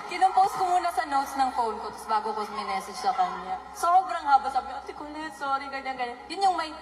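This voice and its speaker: A woman's voice: high-pitched, big pitch swings, a little fast, faint music behind. A young woman chatting and laughing as she tells a personal story in a clip. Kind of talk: casual storytelling in an interview clip. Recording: roomy, distant clip with loud background noise.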